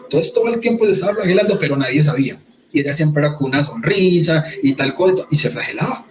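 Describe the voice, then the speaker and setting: A man with a Colombian accent teaching in an interview, animated, asking rhetorical questions. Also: a little high, quick pace, crowd noise. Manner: animated, rhetorical questions, mock-quotes others. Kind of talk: conversational teaching. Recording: slightly muffled sound.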